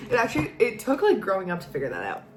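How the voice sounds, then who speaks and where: A drunk, giggly woman in her 20s, a vlogger doing a drinking makeup challenge, chats effusively with a friend, rambling and swearing freely. Her medium-pitched voice races with huge pitch swings, in an echoey room with music behind.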